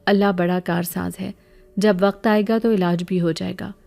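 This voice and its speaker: A woman voicing a calm, matter-of-fact middle-aged father in a spoken horror story. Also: fairly low pitch, creaky. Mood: steady.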